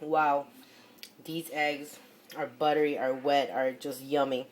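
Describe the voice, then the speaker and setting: A woman's voice: deep voice, little pitch movement, slow pace. A woman giving a casual, chatty cooking demonstration at the stove, encouraging and often repeating short phrases as she works. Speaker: home cook hosting a cooking video. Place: home kitchen at the stove. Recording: noisy kitchen with sizzling and pan clatter. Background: sizzling, stirring, clinking pans.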